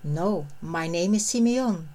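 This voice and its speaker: A woman narrating a scripted language lesson, reading short phrases and translations in a measured, clearly separated way. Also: on the low side, expressive, dark tone.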